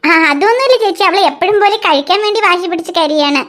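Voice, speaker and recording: A woman's voice: very high voice, quick pace, a bit bright. A performer voicing a polite, obliging young mother in a cartoon. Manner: polite, agreeable replies. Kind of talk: cartoon voice acting.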